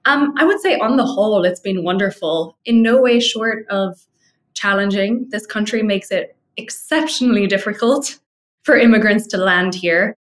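A young woman with an Irish accent speaks over a video call. She tells her own story in an articulate, measured way, reflecting as she goes. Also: medium pitch, animated. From Ireland. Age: young adult. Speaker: guest.

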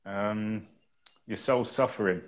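A man co-hosting a live chat over a bad video call connection, his voice faint and distant as he makes calm, brief, reflective remarks. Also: lowish voice, slow pace, slight background noise. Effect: faint, distant voice over a breaking-up video call connection. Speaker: co-host. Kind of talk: casual live-stream chat.

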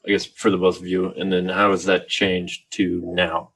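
A man's voice: sits low, moderate pace, breathy edge. A man hosting a casual podcast, asking loose, rambling questions. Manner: relaxed, asks rambling questions. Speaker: podcast host.

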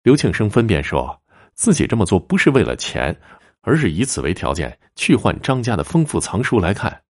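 Deep-voiced lively male storyteller. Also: brisk, dry recording, studio quality. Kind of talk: scripted folktale narration.

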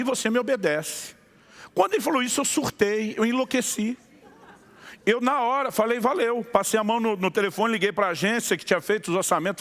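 A middle-aged man preaching as a pastor, telling a story with lively acted-out dialogue and frequent laughter. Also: high voice. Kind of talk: sermon storytelling.

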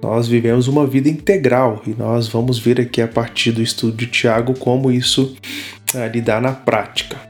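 A man teaching a Bible study series, explaining step by step and often pausing to restart. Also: medium pitch, fairly even intonation, faint music behind. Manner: explanatory, frequent fillers and restarts.

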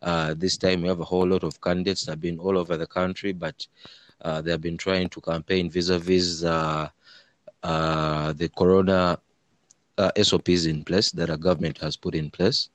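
A man with a Ugandan East African accent answering interview questions in a measured, hesitant way, often repeating words. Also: low-pitched, little pitch movement, dry recording. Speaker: interview guest, human rights lawyer.

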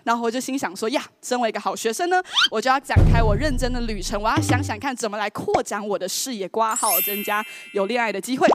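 A woman, telling a personal story in an animated, exclamatory way. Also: a little high, fast, hardly any pauses. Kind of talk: lively storytelling. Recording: voice over loud background music. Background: background music.

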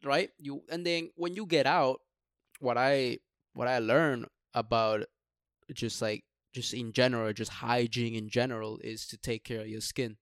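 A young man talks like a frat bro in casual conversation, with slang and swearing woven through. His voice sits at an ordinary male pitch, and the recording is dry and close. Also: fairly even intonation, a little slow, fairly bright tone, dry recording. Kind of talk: casual chat.

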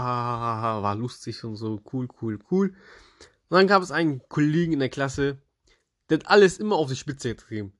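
A man's voice: mid-range voice, dry recording, studio quality. A young man hosting a casual storytelling podcast, joking and slangy, with playful restarts. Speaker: podcast host.

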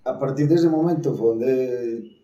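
A man's voice: medium pitch, a little slow, dark tone, recorded from a distance. A man answering interview questions, often repeating phrases. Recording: roomy echo.

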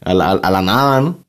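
A Mexican man with a low, clean voice tells a casual personal anecdote, packed with fillers, repeated words, and easy laughter. He swears freely and keeps looping back on his own sentences as he goes.

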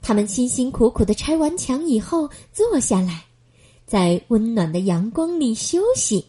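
A woman reading a children's bedtime story aloud in a gentle, expressive manner. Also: a little high, measured pace, husky.

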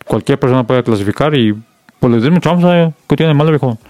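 A man's voice: mid-range voice, animated, brisk, a little mellow, no room sound. A man co-hosting, joking in casual slang. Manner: slangy, playful, defensive of his team. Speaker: co-host. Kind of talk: casual banter.

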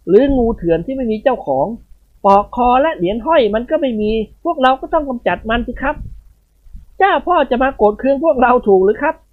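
Lady doing a jittery young guy begging politely, high voice, slightly husky, lo-fi. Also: very animated, fairly quick. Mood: pleading. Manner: trembling, forced-polite, pleading. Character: nervous young man pleading politely.

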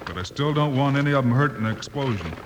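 A man plays a commanding cowboy lawman from an old western drama. He has a medium-pitched American voice, plain-spoken and decisive, over clear noise and clicks of a vintage soundtrack. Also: animated, quick pace, in a large hall, close to an everyday voice. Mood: calm, commanding.

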